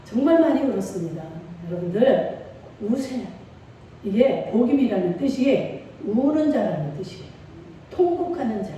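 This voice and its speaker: In a church sanctuary, a middle-aged woman pastor preaches a sermon with feeling, using call-and-response. Her voice is a little high and mellow, with lively intonation and normal speed. The recording is echoey, taken from far off in the church hall, with slight background noise.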